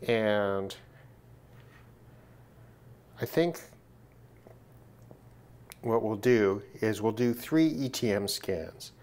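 Testing radio equipment at a desk indoors, this presenter thinks aloud through an unscripted, hands-on demo in a relaxed, matter-of-fact manner. His fairly low, darkish voice is expressive, with drawn-out words and frequent pauses.

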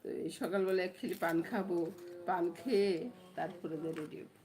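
A woman's voice: lowish voice, fairly even intonation, a little fast, a little mellow, soft background music. Chatty middle-aged woman. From Noakhali, Bangladesh. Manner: chatty, often asks viewers "understand?". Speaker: vlogger. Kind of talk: casual chat to viewers. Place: home. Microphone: phone camera.

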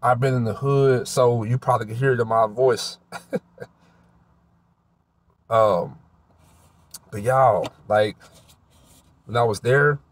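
A teary man tells his faith testimony outdoors in a park. He halts, rambles and hunts for words, his voice a little mushy from crying. The sound is dry and close, and his pitch sits in an ordinary middle range. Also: dry recording. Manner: halting, rambling, searching for words. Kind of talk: emotional spoken testimony to camera.

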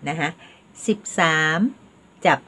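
An older woman teaching a language lesson, patiently leading slow counting drills. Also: fairly bright tone. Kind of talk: home video language lesson.

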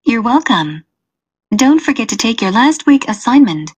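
Woman playing curious friendly college girl, bit husky, scripted exam dialogue. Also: fairly high pitch, sing-song, moderate pace.

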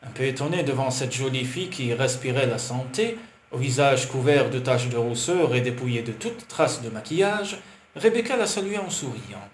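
A man narrating a romance audiobook in an even, measured storytelling manner. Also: mid-range voice. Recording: roomy with faint hiss.

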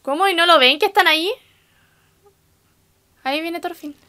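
A woman's voice: very high voice, normal speed, pushed and bright. A young woman with a Chilean accent giving casual reaction commentary as an anime reaction host, exclaiming and making sympathetic asides to her viewers. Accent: Chilean Spanish.

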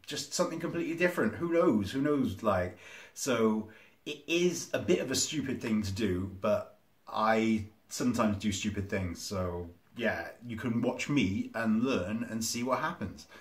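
A man's voice: fairly low pitch, unhurried. A man talking casually to camera in a vlog, rambling and candid with plenty of ums. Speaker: vlogger.

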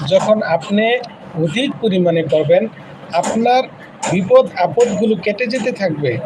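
Earnest preacher man, noisy live stream. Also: sits high. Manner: earnest, repetitive exhortation with Arabic recitation. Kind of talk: live religious talk with recitation.

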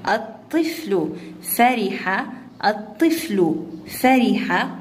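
A woman teaching young children to read, sounding words out slowly syllable by syllable. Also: mid-range voice, animated. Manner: slow, drawn-out syllable-by-syllable reading. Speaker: first-grade Arabic teacher. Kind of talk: online class lesson.

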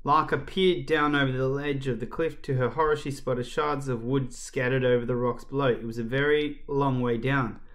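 A man reading a children's chapter book aloud as a storyteller, in a lively, expressive way. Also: medium pitch, moderate pace, hardly any pauses.

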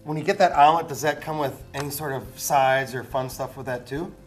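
A man's voice: mid-range voice, brisk, faint music behind. A man in his thirties hosting a local TV cooking segment, upbeat and enthusiastic. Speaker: TV show host. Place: indoor TV studio kitchen set.

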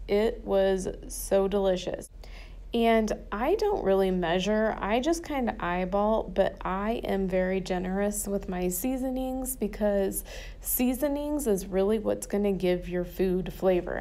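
Woman, mellow warm voice, chatty and upbeat, casual voice-over. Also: mid-range voice. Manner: chatty and upbeat, repeats herself. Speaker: cooking channel host.

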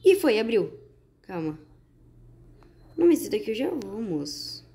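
A woman with a Brazilian Portuguese accent giving chatty, excited gameplay commentary to her viewers. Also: a little high, measured pace. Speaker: gaming YouTuber.

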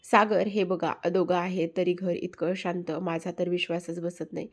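A bubbly young wife who chatters and teases, in a storybook reading, as a woman narrator puts her on. The voice sits low and stays fairly level. It is a plain reader's voice, not a big character act. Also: little pitch movement, moderate pace. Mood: cheerful teasing. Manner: chatty, teasing. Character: cheerful teasing young woman, pregnant wife.

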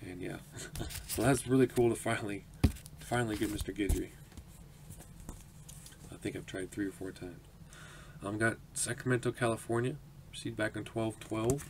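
Young man with a low gravelly voice. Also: fairly even intonation, normal speed, long pauses. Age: 20s. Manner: chatty, upbeat, laughs often, many ums. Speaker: autograph collecting channel host. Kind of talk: casual mail-opening vlog. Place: small home room, indoors. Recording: noisy home recording.

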